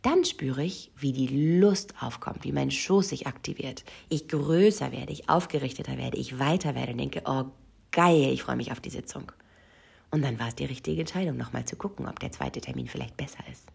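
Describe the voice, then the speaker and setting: A woman's voice: very deep voice, expressive, brisk, gravelly, few pauses, darkish tone, slightly rough. A woman coach talking intimately to the listener in a personal monologue, often sinking into a whisper. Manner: addresses the listener directly. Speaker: session coach.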